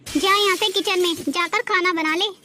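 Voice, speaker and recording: A woman's voice: very high voice, fairly even intonation, moderate pace, bright, forceful tone. A young woman playing a bossy middle-aged mother-in-law who chides her daughter-in-law in a family drama skit. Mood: scolding. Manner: bossy, chiding.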